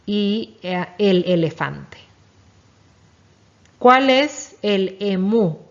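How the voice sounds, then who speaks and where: A woman teaching young children their letters, speaking patiently and praising each answer. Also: mid-range voice. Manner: patient, encouraging, asks and praises. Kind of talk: children's reading lesson. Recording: dull lo-fi recording.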